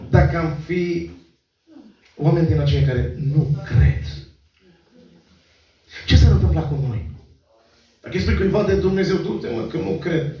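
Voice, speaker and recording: A man's voice: high voice, a little mellow, dull audio. Fervent preacher man, echoing church. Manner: fervent, with frequent call-outs of praise. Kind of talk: Pentecostal-style sermon. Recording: very echoey, distant mic in church.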